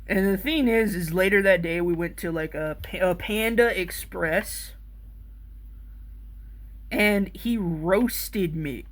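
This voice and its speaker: A man spinning a loose, wandering personal story, bouncing between excitement and offhand asides. His delivery is casual and unpolished, and he swears freely. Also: high voice, slow. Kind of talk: casual rambling anecdote.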